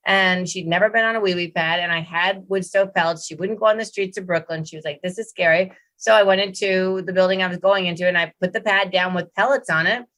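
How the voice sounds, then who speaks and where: A woman dog trainer hosting a casual roundtable, telling lively stories and acting out what dogs think. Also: fairly low pitch. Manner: animated storyteller, acts out dogs' thoughts in quick voices. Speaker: dog trainer, show host.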